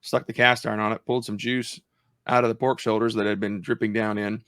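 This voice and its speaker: A man's voice: on the low side, flat delivery, a little fast, fairly bright tone, clean tone, no room sound, studio quality. A man hosting a church podcast, chatting casually and with enthusiasm. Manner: laid-back, chatty, enthusiastic about food. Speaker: podcast host.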